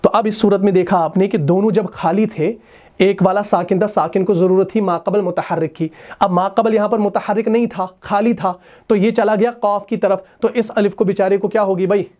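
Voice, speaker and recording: A man teaching Arabic grammar at a board, patiently explaining and slowly reciting verb forms, calling his students brother. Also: high-pitched, fairly even intonation, darkish tone, dull audio. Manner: patient, addresses students as brother, personifies letters.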